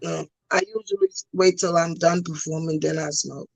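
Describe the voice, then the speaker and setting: A guest comedian from Trinidad chats on a podcast in a low, level voice with vocal fry and a normal speed. Her thick Trinidadian accent is shaded with New York, and she talks bluntly and emphatically, going over points again. The audio is dry and low quality.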